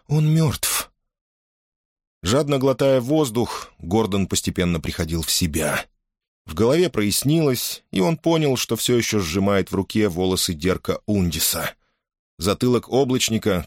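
Male audiobook narrator, steady measured reading, very low voice, dry close recording. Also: no room sound. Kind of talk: scripted narration of a science fiction novel.

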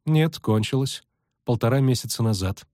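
A male reader voicing a calm, patient elven sorceress who speaks crisply and in command. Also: medium pitch, normal speed, no room sound, clean studio sound, lightly acted.

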